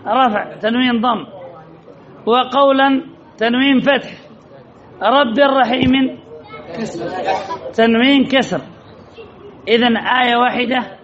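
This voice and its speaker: A male teacher leading a class, asking students questions, repeating their answers and reading examples slowly and deliberately. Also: extremely high pitch. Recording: dull lo-fi recording.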